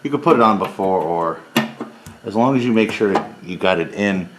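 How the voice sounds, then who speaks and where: A man's voice: low voice, expressive, fairly quick, background noise. A man chatting casually in a workshop, telling stories while working on an engine. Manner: tells stories with acted quotes. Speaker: mechanic friend. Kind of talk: casual shop chat. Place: home workshop.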